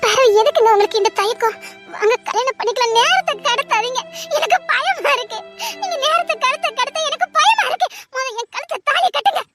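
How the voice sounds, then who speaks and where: A woman's voice: extremely high pitch, expressive, brisk, fairly bright tone, faint music behind. A woman voicing a desperate young woman who tearfully and insistently begs her lover to marry her, in an audio drama. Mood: pleading. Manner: pleading, tearful, insistent repetition.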